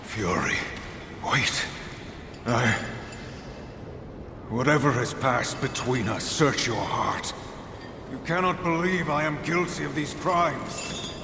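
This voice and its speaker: A grave warrior in chains in a video game, solemn and urgent. His words come slowly and deliberately, echoing through a large hall with noise behind. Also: sits high. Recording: echoey hall with background noise.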